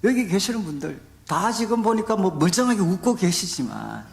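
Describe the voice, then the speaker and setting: Middle-aged male pastor, lively pitch, conversational sermon full of rhetorical questions. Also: moderate pace, vocal fry. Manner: animated, conversational preaching with frequent rhetorical questions and "예?".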